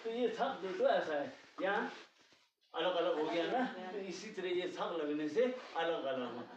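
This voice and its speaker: A man's voice: high-pitched, animated, a little slow, a little hiss or hum. Male language teacher, patient classroom delivery, dull distant recording. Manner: patient, repeats "ठीक है" often, checks understanding. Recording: echoey room, distant mic, dull sound.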